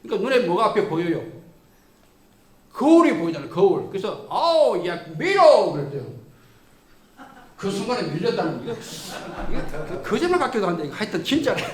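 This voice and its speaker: Animated male lecturer telling stories. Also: high-pitched, reverberant. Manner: lively, acts out quoted people. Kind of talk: storytelling lecture. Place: lecture room.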